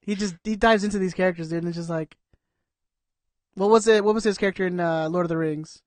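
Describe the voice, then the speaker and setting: High-voiced rambling man, casual. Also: fairly even intonation, fast talker, darkish tone, no echo. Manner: rambling, lots of "like" and "dude". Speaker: podcast co-host. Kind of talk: casual chat.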